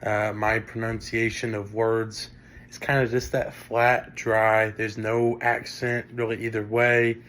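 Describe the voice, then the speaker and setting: A man's voice: lowish voice, little pitch movement, slow, fairly bright tone. Casual Great Lakes Midwestern man. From northern Indiana. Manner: casual, many fillers and restarts. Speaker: student presenting a class assignment. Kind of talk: spoken class presentation.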